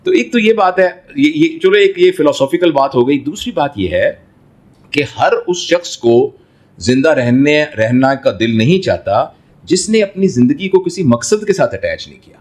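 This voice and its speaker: A man's voice: fairly high pitch, sing-song, a little mellow. A man who is a doctor, answering in an interview in a fatherly way, explaining through everyday examples and rhetorical questions. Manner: fatherly, addresses listener as son.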